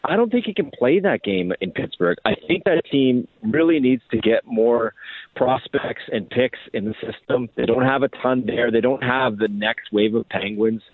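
Over a phone call, a man with a medium-pitched voice speaks at a moderate pace as a radio guest, a hockey writer giving sports analysis. He frequently repeats himself and starts phrases over. The recording is dry, with the thin, tinny sound of a phone line.

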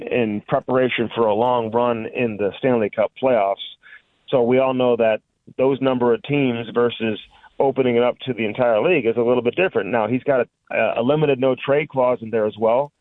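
With a medium-pitched voice, a man guesting as a reporter on a radio show gives casual, off-the-cuff sports analysis, often saying "you know" and "listen." The recording is dry, narrow and tinny.

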